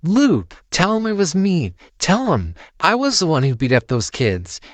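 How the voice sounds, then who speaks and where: Guy doing a upset teen boy pleading in a horror story, voice pushed higher, dry recording. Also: wildly swooping pitch, unhurried, no echo. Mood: desperate.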